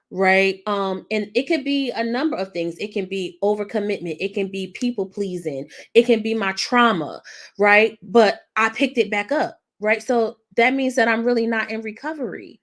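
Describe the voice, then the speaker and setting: A woman hosting a podcast, talking in a casual, heartfelt monologue. She is emotional and close to tears, rambles, restarts her sentences and often checks in with "right?". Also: mid-range voice. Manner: rambling, repeats words, says "right?" often. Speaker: podcast host.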